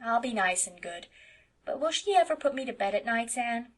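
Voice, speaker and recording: Playing a defiant, chattering eight-year-old farm boy full of mischief, a woman uses lively intonation at a moderate pace. Her delivery is high, loud and insistently childlike, and the boy speaks bluntly and won't let up.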